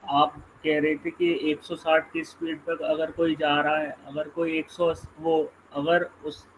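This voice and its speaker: Male student, monotone and hesitant, faint background noise. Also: a little high, unhurried, poor audio. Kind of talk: asking questions in an online class.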